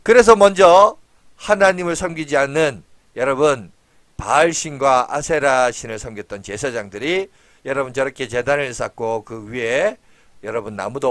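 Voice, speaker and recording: A male pastor giving a children's sermon, telling a Bible story in an animated way and asking the children questions. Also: mid-range voice, no echo.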